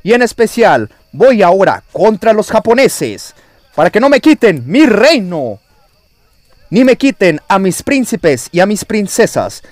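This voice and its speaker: A man with a Mexican Spanish accent giving excited gameplay commentary as a YouTuber, taunting opponents and yelling at the screen. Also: high voice, measured pace, no room sound. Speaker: gaming YouTuber.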